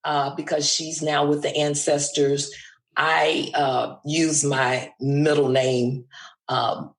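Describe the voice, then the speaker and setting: A woman in her sixties, a retired math teacher, chatting as a guest in a relaxed, thoughtful way with many pauses. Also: sits low, roomy sound. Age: 60s. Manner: slow, thoughtful, with fillers. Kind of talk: casual interview chat.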